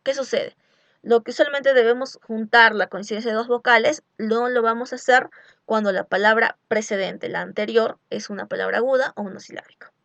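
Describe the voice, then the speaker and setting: A woman teacher explaining poetic meter in a recorded lecture, speaking slowly and deliberately and asking rhetorical questions. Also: fairly high pitch, steady tone, vocal fry, a bit bright, no room sound, highs cut off. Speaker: literature teacher.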